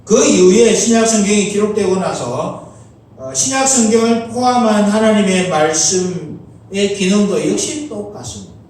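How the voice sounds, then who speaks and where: Middle-aged male pastor, high animated preaching voice, earnest rhetorical questions, distant mic in a booming sanctuary. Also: normal speed. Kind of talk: Sunday sermon. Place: church sanctuary. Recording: very echoey church hall, mic at a distance.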